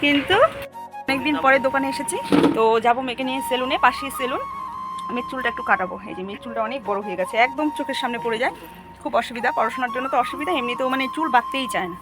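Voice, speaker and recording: Woman vlogger in her thirties from Bengal, fast-talking, casual narration over music. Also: high voice, low-quality recording. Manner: chatty, narrating her chores as she goes. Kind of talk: casual home vlog narration.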